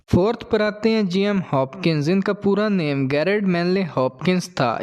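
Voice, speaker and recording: A man lecturing in a steady, explanatory way, defining each term and then restating it in simpler words. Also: high voice, clear, resonant tone. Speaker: teacher. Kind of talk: scripted lecture narration.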